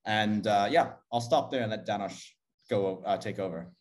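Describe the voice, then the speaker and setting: A man's voice: on the low side, normal speed. A man from Mauritius answering interview questions in a businesslike way, with frequent "uh" fillers. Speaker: guest, co-founder.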